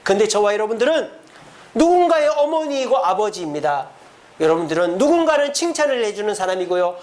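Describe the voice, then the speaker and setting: A man's voice: high voice, very animated, a little fast, darkish tone. A man preaching a Sunday sermon as pastor, speaking directly to his congregation with many rhetorical questions. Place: church sanctuary.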